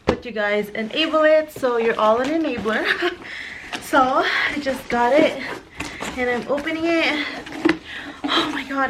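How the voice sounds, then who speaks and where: A woman filming an excited unboxing vlog at home, gushing and a little out of breath, dropping now and then to a soft whisper. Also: sits high. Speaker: vlogger. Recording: audible background noise.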